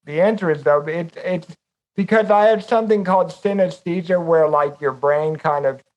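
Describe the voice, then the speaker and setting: A man's voice: on the high side, normal speed, low-quality recording. A man co-hosting a podcast, talking in a reflective, rambling way about how he makes music. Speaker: podcast co-host. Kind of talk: casual conversation.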